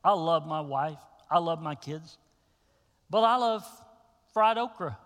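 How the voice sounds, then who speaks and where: A man preaching a sermon to his congregation as pastor, telling the story with animated, folksy asides. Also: on the high side, unhurried, long reverb tail.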